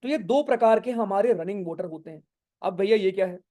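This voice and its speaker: High-voiced male teacher, mellow tone. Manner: explains slowly, asks the class questions, scolds students for off-topic doubts; mixes English terms into speech, keeps asking if it is clear. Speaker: geography teacher. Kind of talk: online exam-prep lecture. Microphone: no earphones, talking to an online class.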